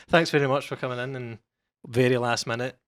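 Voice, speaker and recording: A man's voice: medium pitch, moderate pace, fairly bright tone, dry recording. A young man hosting a casual podcast, chatty and friendly, with loose rambling introductions. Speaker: podcast host.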